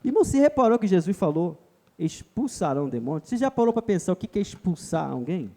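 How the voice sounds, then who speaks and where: A man's voice: sits high, big pitch swings, fast talker, warm tone. A man with a Brazilian Portuguese accent preaching a sermon at a church retreat, emphatic, repeatedly calling his listeners brother.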